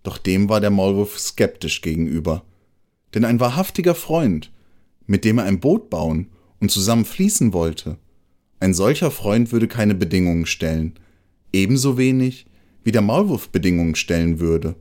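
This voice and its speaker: A man reading a fable aloud as narrator in an expressive, melodic way. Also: fairly low pitch, normal speed. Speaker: storyteller. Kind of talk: scripted narration of a children's fable.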